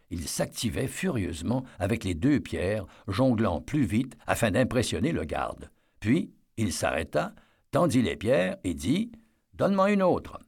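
A man reading a story aloud as narrator, with expressive storytelling. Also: on the low side, gravelly, husky. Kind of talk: audiobook narration.

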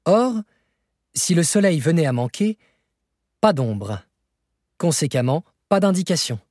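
Man, audiobook narrator, husky voice, dry close sound, measured expressive storytelling. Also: fairly high pitch, no echo. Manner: measured, expressive reading that rises for dramatic moments. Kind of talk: scripted narration of a novel.

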